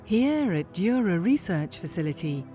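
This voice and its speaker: A woman's voice: fairly low pitch, big pitch swings, normal speed, dark tone. An actress playing a serene spokeswoman, reading scripted promotional narration for a research facility. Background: music.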